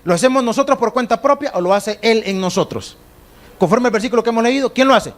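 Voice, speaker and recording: A man's voice: extremely high pitch, lively intonation, quick pace. A middle-aged man, preaching a sermon as pastor, acting out little scenes in other voices. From El Salvador.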